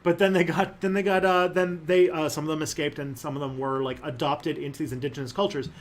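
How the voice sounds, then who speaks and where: A man hosting a casual livestream chat, animated and jokey, rambling with many fillers. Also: fairly high pitch, quick pace. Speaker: host.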